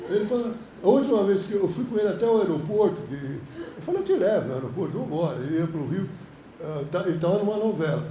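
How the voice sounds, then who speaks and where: A man's voice: sits high, reverberant, a little hiss or hum, poor audio. A man with a Brazilian Portuguese accent, a film director teaching a course, telling anecdotes in a colloquial, slangy way. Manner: animated, colloquial storytelling, frequent slang. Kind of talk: lecture with anecdotes. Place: university classroom.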